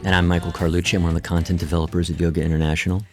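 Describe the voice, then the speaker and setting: A man's voice: low-pitched, flat delivery, rapid-fire, soft background music. A man co-hosting a podcast, talking playfully with jokes and plenty of ums. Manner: playful, jokey, many ums. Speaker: podcast co-host. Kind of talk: casual podcast chat.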